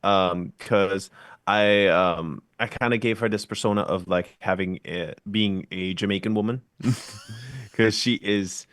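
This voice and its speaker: A man guest with a somewhat low voice talks in a relaxed, rambling way over a remote call. The sound is dry and close. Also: slow, dry recording. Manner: laid-back, rambling. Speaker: band member guest. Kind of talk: casual interview chat. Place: home studio.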